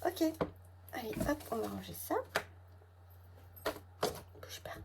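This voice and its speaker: A woman with a southern French accent, counting through her budget envelopes at home and muttering figures under her breath as she thinks aloud. Her voice sits a little high. Steady background noise and small clicks run behind her. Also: slow pace, vocal fry. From south of France. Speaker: budget vlogger. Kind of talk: casual talk while counting budget envelopes.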